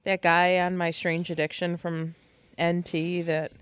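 A woman's voice: on the low side, level tone, measured pace, smooth. A woman co-hosting a casual podcast, teasing and joking, swearing casually. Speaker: podcast co-host. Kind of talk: casual chat.

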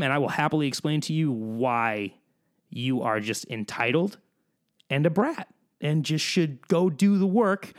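A man hosting his own solo podcast, a musician ranting bluntly about the music business and then softening into reassurance. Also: on the high side. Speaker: podcast host.

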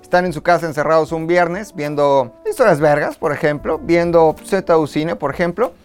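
Playful Mexican podcast host. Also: male voice, fairly high pitch, normal speed, clear, resonant tone, faint music behind. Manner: playful, slangy, theatrical. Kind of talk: joking podcast chat.

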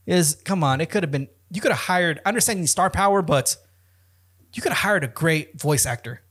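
Higher-pitched guy on a podcast, pushing his argument, casual chat. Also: expressive, a little fast, fairly bright tone. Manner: argumentative, makes his case. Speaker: podcast co-host.

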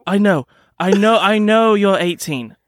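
A man's voice: high-pitched, measured pace, dry recording, studio quality. Man putting on an exasperated, pleading storytelling dad with an accent. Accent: put-on, non-American. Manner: pleading, exasperated, mock-solemn. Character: pleading, frustrated father telling a campfire bedtime story.

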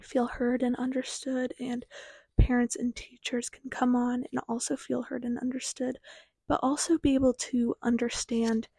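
A woman's voice: a little high, level tone, normal speed, gravelly, dark tone, husky, dry recording. Teenage girl, slightly lisping through a retainer. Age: teens. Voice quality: slight lisp from wearing a retainer. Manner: informal, chatty. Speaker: podcast host. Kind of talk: casual podcast introduction.

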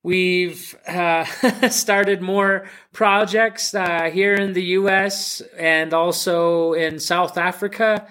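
A man answering casually as an interview guest, measured and hesitant, with frequent pauses. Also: high-pitched, steady tone, pushed and bright. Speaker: interview guest, jazz band musician.

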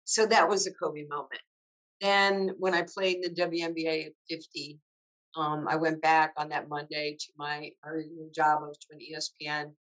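Woman guest on an interview, lowish voice, tells stories casually and acts out the dialogue. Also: moderate pace, rough recording. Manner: lively anecdotes with quoted dialogue. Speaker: guest, former basketball coach.

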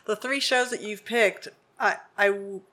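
A middle-aged woman hosting a podcast, talking in a measured, appreciative way. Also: mid-range voice, bright, forceful tone. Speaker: podcast host. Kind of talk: casual podcast interview.

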